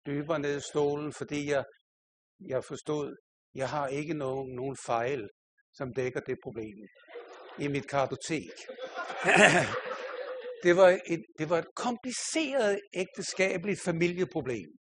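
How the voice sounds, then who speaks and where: A man's voice: on the high side, a little hiss or hum. An older man, a pastor, preaching a sermon and telling a personal story with self-mocking humor and frequent laughter.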